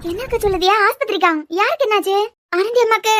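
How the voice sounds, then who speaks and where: A woman voicing an anxious, caring young woman in a cartoon serial, with quick questions and a Kanyakumari Tamil accent. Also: extremely high pitch, background noise.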